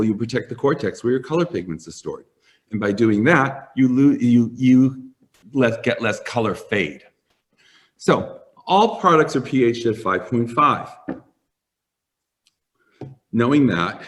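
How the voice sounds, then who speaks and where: A middle-aged man, a hair stylist and formulator, talking in a sit-down interview and telling animated stories with acted-out quotes. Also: mid-range voice. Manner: animated storyteller, acts out quoted voices.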